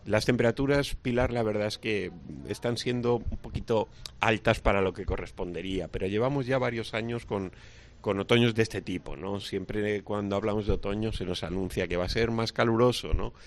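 Calm low-voiced man commenting on the weather. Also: a little fast. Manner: calm, explanatory, frequent tag questions.

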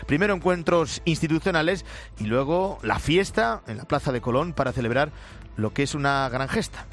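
A man's voice: on the high side, animated, normal speed, a bit bright. A man presenting radio news with an emphatic, punchy delivery and pointed asides. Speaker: news anchor.

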